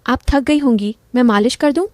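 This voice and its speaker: A man's voice: very high voice, fairly quick, a little mellow, no echo, studio quality. Woman voicing a coaxing young son-in-law.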